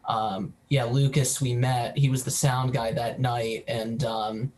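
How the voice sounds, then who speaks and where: A man's voice: mid-range voice, flat delivery, slow pace, darkish tone, slight background noise. A young man in his twenties, a guitarist, telling a story casually in an interview with frequent ums. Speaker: band guitarist.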